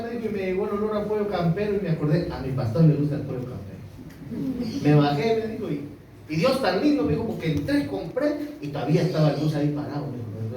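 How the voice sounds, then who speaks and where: A man with a Guatemalan Spanish accent preaching a sermon as a pastor, swinging between loud emphasis and soft asides. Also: sits high. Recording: echoey room, distant mic, noisy.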